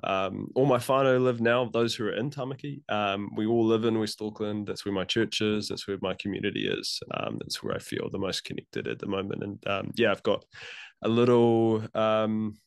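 A man's voice: fairly low pitch, normal speed, creaky, dry recording, clean studio sound. A man in his thirties with a New Zealand accent, speaking earnestly and reflectively as a guest on a video call, with many fillers. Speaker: guest, youth worker. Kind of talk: casual conversation. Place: home room.

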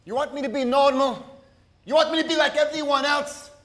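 An actor playing a proud, defiant middle-aged husband, shouting heatedly in a film drama family argument. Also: male voice, very high-pitched, brisk. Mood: angry, defiant. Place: dining room indoors.

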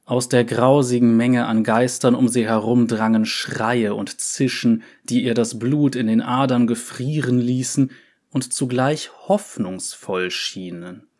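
A man narrating a fantasy story in a measured, deliberate reading. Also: medium pitch, fairly even intonation, a little mellow.

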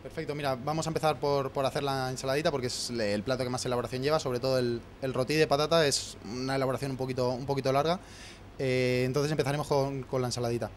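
Chef in his 30s, rapid halting explanation, handheld mic in a kitchen, faint background hum. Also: medium pitch, fairly even intonation. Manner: fast, many restarts and fillers while listing ingredients. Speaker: head chef. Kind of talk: explaining a recipe on camera. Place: restaurant kitchen, indoors. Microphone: handheld mic held by interviewer.

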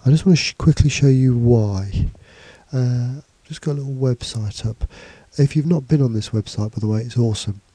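A computing teacher with a cold records a screencast tutorial indoors, his voice-over running across slides and a screen recording. His voice is dark, husky and mid-range, bunged up, at a normal pace with no echo. He speaks casually and hesitantly, full of fillers and restarts.

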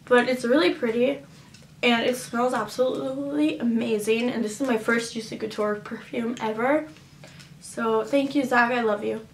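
Young woman rambling happily about her presents, kinda high voice, faint hiss behind. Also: fairly even intonation, moderate pace, echoey room. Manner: chatty, upbeat, many "like" and "um" fillers. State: has a cough drop in her mouth. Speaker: vlogger. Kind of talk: casual haul chat. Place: at home, indoors.

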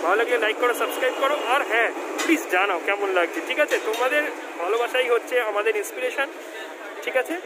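Bengali guy vlogging thru a face mask, high voice, loud traffic all around. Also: fast talker. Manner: chatty, addresses viewers directly. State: talking through a face mask. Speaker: food vlogger host. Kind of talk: casual street food vlog. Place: busy city street outdoors. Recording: loud street noise and traffic.

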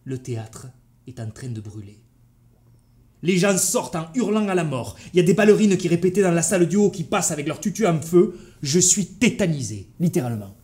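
Animated man with a southern French accent. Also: a little high, a little fast, slightly rough. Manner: vivid, animated storytelling. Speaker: actor. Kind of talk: theatre monologue.

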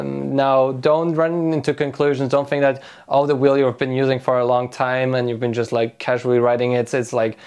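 A young man hosting his own vlog, talking loosely to camera with many fillers, his voice getting tired. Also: medium pitch. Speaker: electric unicycle vlogger. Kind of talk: casual talk to camera.

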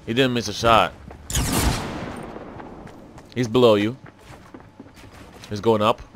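A man with a lowish voice talks loosely while he plays, rambling between urgent, repeated callouts to a teammate. His gameplay chat rides over a noisy capture full of game sounds and clicks. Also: steady tone, slow pace. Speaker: gaming YouTuber.

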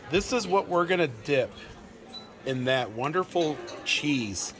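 Slow and expressive, with a voice on the high side, a forty-something travel vlogger chats through his restaurant meal at an indoor table. Laughter and repeated words run through his casual commentary, and a crowded room murmurs in the background.

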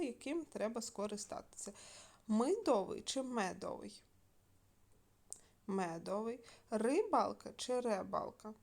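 A woman teacher recording a video lesson for young pupils. She dictates words slowly and clearly and stretches the syllables she wants the children to hear. Her pitch stays at a middle height, and small fillers slip in as she moves between steps. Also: darkish tone. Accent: Ukrainian. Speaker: primary school teacher.

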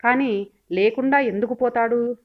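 A woman's voice: on the high side, measured pace, natural voice. A woman voicing a young, headstrong village girl who talks in a pleading, petulant way, heard on a dull lo-fi recording. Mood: bitter.

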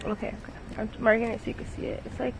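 A woman's voice: on the high side, very fast, creaky. A young woman streaming a game, chatting casually and laughing, her voice cracking from screaming. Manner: excitable, laughing, shouts callouts. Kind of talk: casual gaming chat. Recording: noisy game audio behind.

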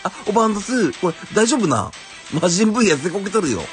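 Excitable Kansai man, swooping voice. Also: high voice, fast. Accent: Kansai Japanese. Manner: excitable, exclaiming and musing aloud. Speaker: gaming YouTuber. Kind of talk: casual commentary over game pulls. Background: game music.

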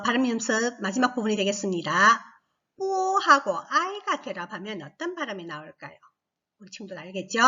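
A woman teacher giving a recorded online language lesson for children. She speaks slowly and patiently, says each sound loudly for the class to repeat, then explains it. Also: medium pitch, slightly rough, lo-fi sound.

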